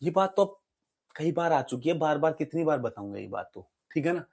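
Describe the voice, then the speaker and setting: High-voiced, lively male physics teacher. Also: fairly quick, creaky. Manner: lively, chatty teaching that asks the students questions; mixes English terms into Hindi explanations. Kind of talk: exam-prep physics lecture.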